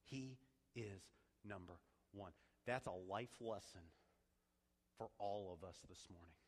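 A man preaching a sermon, dropping to a hush and then rising to loud emphasis, with joking asides to his congregation. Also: on the low side, takes it slowly. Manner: dynamic preacher, swings from hushed to loud, jokey asides. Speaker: pastor. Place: church sanctuary. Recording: long hall reverb.

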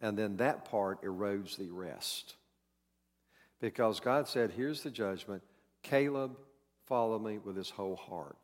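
A man's voice: lowish voice, unhurried, long reverb tail. A man preaching a sermon in a conversational way, acting out quoted lines and repeating key words. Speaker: pastor.

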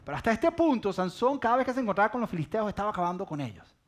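A man preaching a sermon as a lively storyteller, acting out scenes with humor. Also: high-pitched, very fast.

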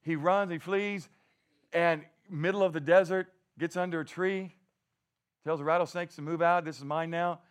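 Male preacher with a high voice, storytelling style, moves from shouting to hushed asides. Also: fairly even intonation, normal speed, clear, resonant tone. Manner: swings from loud shouted climaxes to low quiet asides, laughing often; mocking, conversational storytelling. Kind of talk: sermon.

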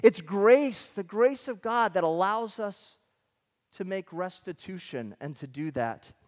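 A middle-aged man from Michigan preaching a sermon as pastor, conversational and animated with personal asides. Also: sits high, a little slow, long reverb tail.

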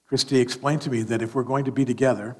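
A man's voice: medium pitch, fairly even intonation, fast talker, a little mellow, rough recording. A man working as an interpreter, relaying a testimony phrase by phrase.

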